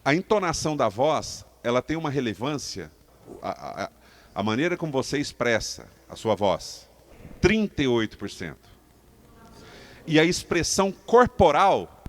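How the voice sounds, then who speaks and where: A man with a Brazilian Portuguese accent teaching leaders public speaking to a live audience, emphatic and animated, asking the room questions. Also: medium pitch, measured pace, long pauses. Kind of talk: live talk to a seated audience.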